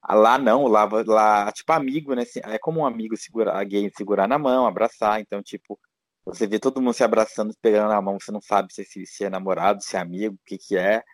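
A man's voice: fairly low pitch, steady tone, fast, no room sound. Rambling Brazilian man, dry sound. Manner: rambling, many fillers and restarts. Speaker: guest, teacher living abroad. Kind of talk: casual interview chat.

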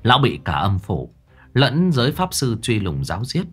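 A man narrating a ghost story in a dramatic, expressive way. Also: lowish voice, moderate pace, slightly rough, faint music behind. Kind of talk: scripted narration.

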